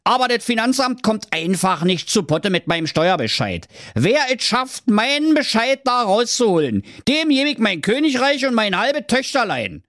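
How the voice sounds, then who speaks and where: A man voicing a small, fat, grumpy curry-sausage king who talks in a shrill, bossy, blustering way. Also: sing-song, normal speed, few pauses, fairly bright tone, no echo, studio quality.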